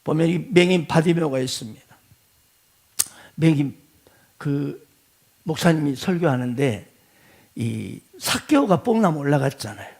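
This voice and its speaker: A male pastor preaching a sermon, swinging between quiet asides and shouted pleading. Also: fairly high pitch, animated, measured pace, vocal fry, pauses often.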